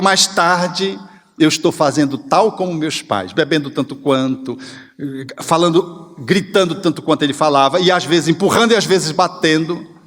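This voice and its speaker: A man giving a spiritual lecture in an animated, expressive way, acting out little scenes. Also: sits high. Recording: reverberant hall.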